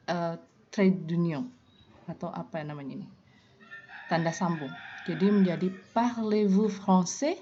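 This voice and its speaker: A woman's voice: lowish voice, dark tone. A woman explaining French grammar step by step in an online lesson, with frequent fillers. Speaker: French teacher. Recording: dull lo-fi audio with faint noise.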